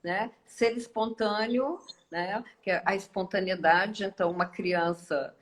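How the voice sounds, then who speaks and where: Slow, musing woman host. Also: medium pitch, poor audio. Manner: slow, musing, many hesitations and tag questions. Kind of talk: reflective live online talk.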